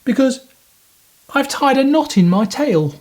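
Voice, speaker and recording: A muddled old creature with a tail from a children's storybook, as a man puts him on, forgetful and always repeating himself. His voice sits high, with a slow, unhurried delivery. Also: animated, a little mellow. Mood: eager.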